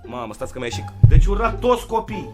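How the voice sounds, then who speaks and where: Animated young man telling a funny story. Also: faint music behind. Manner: animated, slangy, swings from loud outbursts to low mutters. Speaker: vlogger. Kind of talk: comic storytime monologue.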